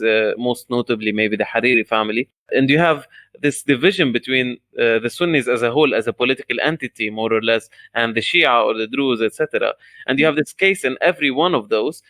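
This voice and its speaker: A man co-hosting a podcast, speaking analytically with frequent "uh" pauses. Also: mid-range voice, a bit bright, no room sound. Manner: fluent, many "uh" pauses, analytical. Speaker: podcast co-host. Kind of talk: podcast discussion.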